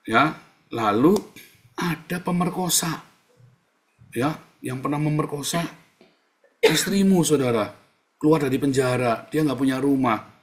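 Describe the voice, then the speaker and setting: Guy pastor, casual sermon, loose and animated, keeps asking the congregation questions. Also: mid-range voice, unhurried, long pauses.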